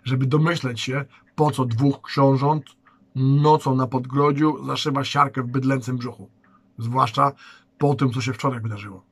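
A man's voice: mid-range voice, steady tone, normal speed, fairly bright tone, husky. A man reading the part of an eager, boastful young village shoemaker. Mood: proud.

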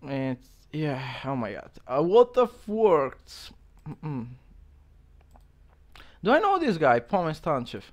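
A young man talks slowly and unhurriedly on a headset mic, his voice sitting a little high for a man. He reads and reacts in a casual stream, stumbling over words, filling pauses with "uh" and small laughs. The sound is a small, dim room indoors. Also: wildly swooping pitch. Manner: reads aloud haltingly with many fillers and chuckles. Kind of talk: casual live-stream commentary.

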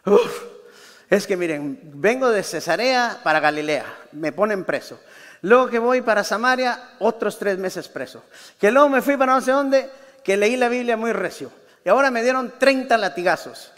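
A man's voice: high-pitched, animated, moderate pace, a bit bright, in a large hall. A pastor voicing the apostle Paul as a worn-out man who complains tearfully and begs for another job. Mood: whiny pleading.

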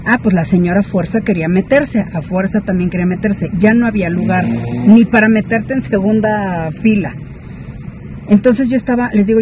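A woman telling a story to her viewers in a chatty, indignant vlog. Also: mid-range voice. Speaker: vlogger. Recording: clear background noise.

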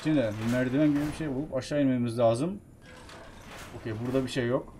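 Excitable man narrating gameplay. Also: medium pitch, quick pace, slight background noise. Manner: chatty, excitable, bursts into shouts. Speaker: game streamer. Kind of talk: casual game commentary.

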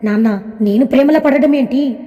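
Storybook heroine, a young daughter, tearful and pleading, read by a woman narrator, high voice. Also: normal speed, big-room sound, highs cut off, natural voice.

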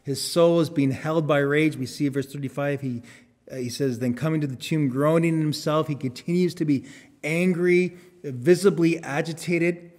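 A man's voice: fairly high pitch, steady tone, normal speed, a little mellow. A male pastor preaching a sermon, earnest, repeating key phrases and putting questions to the congregation, children included. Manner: asks the congregation questions, also speaks to children. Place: church sanctuary. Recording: long church hall reverb.

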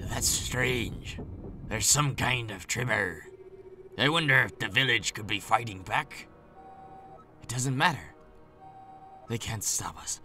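A man voicing a gruff, scheming male sky pirate in a game playthrough, speaking low and measured. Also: animated, pushed and bright, soft background music, full character voice.

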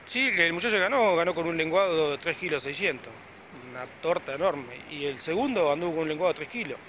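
Interviewed casually on camera outdoors by a beach in front of hedges, a chatty Argentine club president and event organizer speaks fast and animated in a fairly high, bright voice. He uses many "eh" fillers and restarts, with an Argentine Spanish accent. The handheld reporter mic is close below his chin, and the outdoor background noise is clear.

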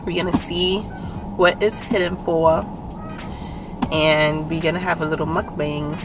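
A woman's voice: sits low, fairly even intonation, unhurried, music in the background, rough recording. A young woman vlogger in casual, rambling chat, filming from a parked car at a drive-in. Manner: chatty, rambling, laughing often.

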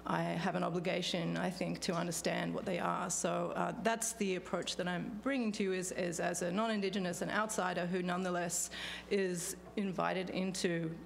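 Woman, Australian accent, 40s, lowish voice, conference panelist, podium mic, faint hum. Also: flat delivery, normal speed, creaky. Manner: thoughtful, with many fillers and restarts. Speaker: panelist, law professor. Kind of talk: conference talk. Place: law school lecture hall. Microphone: podium microphone on stand.

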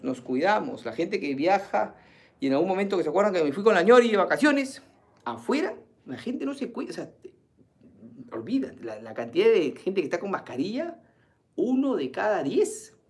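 A man, a teacher chatting casually on a live stream, reading out viewer comments and running playful polls. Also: high voice. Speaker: teacher hosting a live class.

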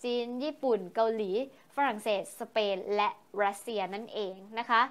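A woman's voice: on the high side, moderate pace. A woman presenting tech gadget news in a chatty, casual way, tossing in exclamations and polite particles. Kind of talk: casual tech product talk.

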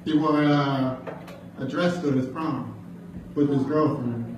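A man's voice: mid-range voice, takes it slowly, dull audio. Echoey distant twenty-something man rambling through stand-up. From American Midwest. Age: 20s. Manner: loose, rambling delivery with fillers and profanity. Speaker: stand-up comedian. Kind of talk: open mic stand-up. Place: bar or club room at an open mic. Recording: very echoey room, distant mic, faint noise. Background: audience laughter.

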